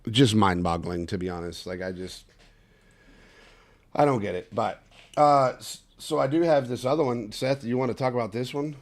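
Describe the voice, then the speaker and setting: A man hosting a casual sports podcast, animated and ranting with quick asides. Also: mid-range voice. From Texas. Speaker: podcast host.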